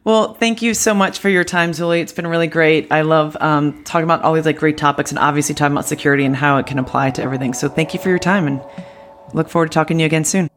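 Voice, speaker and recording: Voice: medium pitch, fairly even intonation, quick pace, fairly bright tone. Podcast host asking short questions. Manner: brief agreeing replies and laughs. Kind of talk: casual interview chat.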